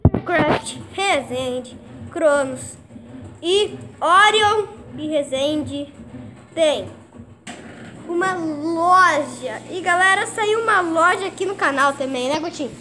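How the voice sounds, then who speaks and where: A woman, casually vlogging at home, excitable and swearing freely. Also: very high-pitched, slow pace, a little hiss or hum.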